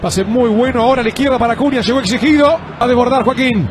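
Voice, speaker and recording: A man delivering breakneck football goal commentary, loud and excited, with drawn-out exclamations. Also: very high-pitched. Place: football match broadcast. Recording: loud stadium crowd and noise.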